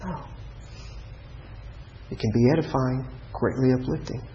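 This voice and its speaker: A middle-aged man, preaching a sermon through a personal story, lively in the telling and dropping quiet to drive a point home. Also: medium pitch, a little slow, muffled recording, slight background noise. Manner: animated storyteller, drops to quiet emphatic lines.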